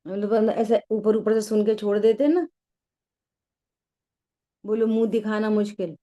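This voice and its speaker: A woman's voice: mid-range voice, steady tone, moderate pace, mellow. A middle-aged woman giving a religious discourse on scripture, telling a story and asking her listeners rhetorical questions. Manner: acts out quoted voices. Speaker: scripture teacher.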